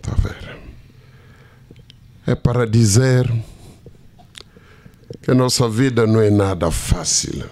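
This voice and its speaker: Slow, low-voiced preacher. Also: male voice. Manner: slow, dramatic storytelling with hushed asides. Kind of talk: storytelling sermon.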